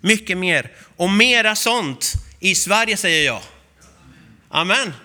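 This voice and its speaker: A male preacher with a high, very bright voice delivers a sermon. He tells stories with animation and acts out the voices of the people in them. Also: animated.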